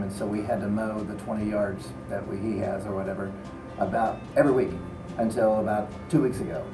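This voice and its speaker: A middle-aged man, a teacher and coach, answering casually in an interview. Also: fairly low pitch. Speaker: teacher and quiz team coach being interviewed. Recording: echoey, distant mic, music over it. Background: music.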